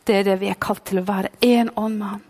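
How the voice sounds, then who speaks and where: A woman preaching a sermon with a mix in her speech, fervent, swinging between loud calls and hushed whispers. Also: medium pitch, fairly even intonation. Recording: long hall reverb.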